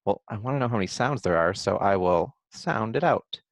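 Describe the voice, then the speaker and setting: A man models writing for young children, stretching out sounds and syllables as he goes. His voice has a gravelly edge and rises and falls a lot. The sound is dry and close. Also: lowish voice, lively intonation, no echo. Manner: slow, sounds out letters and syllables aloud; thinks aloud in a gentle encouraging way. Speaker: kindergarten teacher.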